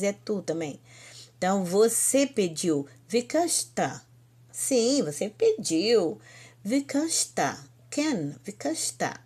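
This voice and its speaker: A woman's voice: medium pitch, darkish tone, husky. A woman with a Brazilian Portuguese accent teaching an online Hebrew lesson, explaining patiently and drawing out each example word. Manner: slow, patient explaining, drawn-out example words, frequent "então".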